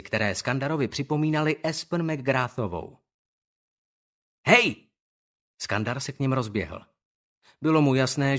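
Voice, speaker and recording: A man reading an audiobook in calm, measured scripted narration. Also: mid-range voice.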